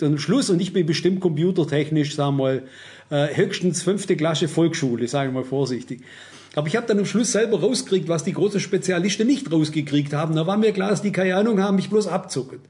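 A man's voice: on the high side, a little mellow. An older man preaching a sermon, earnest and warning, repeating phrases for emphasis.

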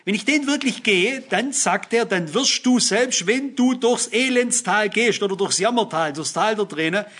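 Man preaching, high and husky, earnest, speaks straight to the congregation. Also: animated, moderate pace, few pauses, a bit bright. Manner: earnest, addresses listeners with "wisst ihr", cites Bible verses. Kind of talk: sermon.

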